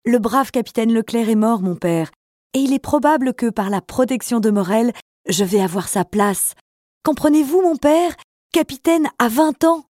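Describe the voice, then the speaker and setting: A woman's voice: on the high side, animated, normal speed, dark tone, no room sound, clean studio sound. A woman voicing an earnest, emotional young male sailor of twenty.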